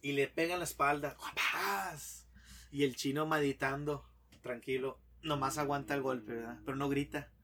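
A man's voice: medium pitch, moderate pace. A man telling a long joke in a casual chat, acting out characters and sound effects. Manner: animated storyteller, acts out characters and sound effects. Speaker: podcast guest telling jokes.

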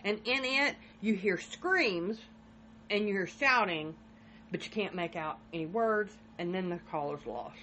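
A woman hosts a true crime podcast and talks through the case in a relaxed, conversational way. She slips into the quotes of the people in the story as she goes. A faint hum of ambient noise sits under her voice. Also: mid-range voice, measured pace, lo-fi sound. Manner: retells events with acted-out quotes.

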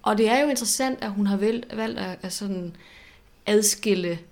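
Animated woman podcast co-host. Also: medium pitch. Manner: animated, reflective, repeats words while thinking. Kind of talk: casual podcast chat.

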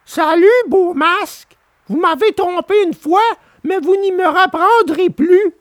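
A woman doing Pinocchio, a high-voiced puppet boy. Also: measured pace, no echo, clean studio sound. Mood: scolding. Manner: high, earnest and tender. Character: young wooden puppet boy, earnest and polite. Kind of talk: storybook reading.

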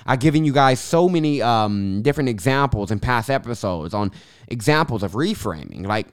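A man's voice: mid-range voice, animated, normal speed, smooth, dry recording. Guy doing a motivational podcast talk, dry close sound, lisp and says w for r, really leans on key phrases. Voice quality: lisp, can't say R's properly, w-like r. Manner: emphatic, repeats key phrases for weight. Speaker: podcast host, self-help coach.

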